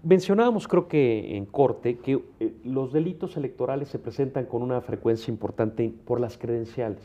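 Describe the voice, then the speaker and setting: A man's voice: medium pitch, moderate pace, muffled recording. A Mexican man hosting a talk show who affirms his guests with short agreements before moving the conversation along. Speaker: host.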